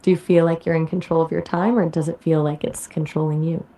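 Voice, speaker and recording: A synthetic woman's voice of an AI assistant, pitched a little low, explains things in a polished conversational way. She closes each answer by turning a question back to the listener. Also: level tone, fast talker, warm tone.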